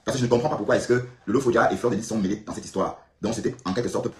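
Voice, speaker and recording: Give me a man from Cameroon on a live stream, talking fast and repeating himself emphatically. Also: on the low side, a little hiss or hum. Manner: emphatic, repetitive, addresses viewers directly. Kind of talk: casual live-stream talk replying to comments. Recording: echoey room, faint background ambience.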